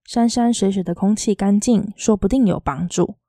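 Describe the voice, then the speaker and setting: A calm, kindly small-town schoolteacher, as a woman reads the part. Mellow and warm, with a dry, close sound and a soft, lilting delivery. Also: medium pitch, moderate pace, no room sound, natural voice. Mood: gentle.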